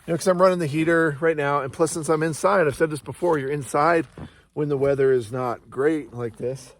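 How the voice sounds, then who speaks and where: A middle-aged man vlogs in a relaxed, chatty way while standing out in the snow by his trailer. His voice sits a little higher than most men's, and he's a bit out of breath from the cold, with a dog close by. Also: fairly quick. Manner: chatty, talks to his dog between remarks. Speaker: RV vlogger. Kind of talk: casual vlog chat to camera. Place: outdoors in snowy mountains beside a travel trailer. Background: dog nearby.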